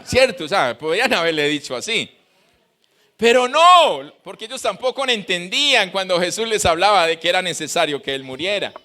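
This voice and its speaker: A man with a Colombian Spanish accent preaches a sermon in a very high voice. His tone is bright and ringing. He slips into the voices of the people he quotes to drive his points home. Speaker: pastor.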